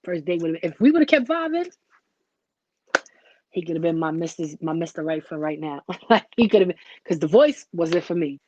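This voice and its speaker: A woman's voice: on the low side, a little fast, lo-fi sound, slight background noise. Chatty woman in a casual vlog. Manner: chatty, animated storytelling with lots of "like".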